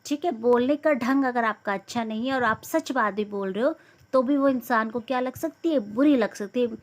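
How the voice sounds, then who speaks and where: A woman's voice: on the high side, moderate pace. A young woman teaching a lesson, reading each verse aloud and then explaining it word by word, sometimes correcting herself. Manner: corrects herself mid-sentence.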